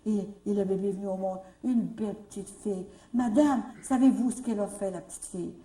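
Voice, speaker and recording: A woman with a Canadian French accent telling faith stories at a retreat, lively, repeating herself and rising into exclamations. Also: mid-range voice, fairly quick. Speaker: retreat speaker. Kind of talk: storytelling talk. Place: retreat hall. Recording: echoey room, mic far off.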